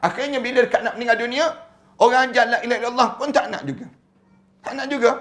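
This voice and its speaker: A man with a Malaysian accent preaching a sermon, animated and full of rhetorical questions. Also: very high voice, fast. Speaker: Islamic preacher.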